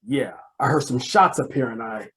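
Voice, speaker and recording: A voice actor plays a brusque, exasperated, wisecracking police detective in an old-time radio comedy mystery, gruff, sardonic and suspicious. His natural voice is medium-pitched and a bit bright, animated at a moderate pace.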